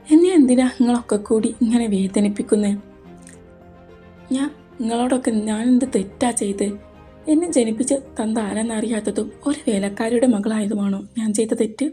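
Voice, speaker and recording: A heartbroken young woman pours out tearful, pleading questions in a romantic audio story, voiced by a woman. The voice sits dark and mellow, with faint music underneath. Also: fairly high pitch, normal speed, breathy edge.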